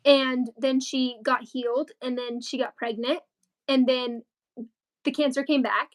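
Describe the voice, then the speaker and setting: High-voiced chatty teen girl. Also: steady tone, a little slow. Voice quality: chatty, rambling with many likes and ums. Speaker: co-host of a crochet livestream. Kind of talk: casual livestream chat.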